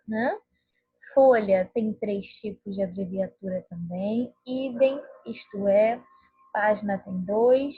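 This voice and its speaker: A woman teacher talks through a recorded lesson in a patient, explanatory way, checking in often with her listeners. Her voice sits fairly high and a little husky. The sound is narrow and thin, like a phone line. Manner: patient, explanatory, frequent tag questions. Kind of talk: recorded online grammar lesson.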